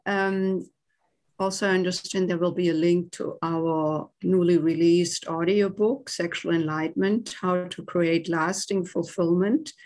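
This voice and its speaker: A woman with a German accent, a podcast guest speaking in a slow, soothing, meditative way. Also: lowish voice, darkish tone, rough recording. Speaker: guest, tantra teacher. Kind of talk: podcast interview.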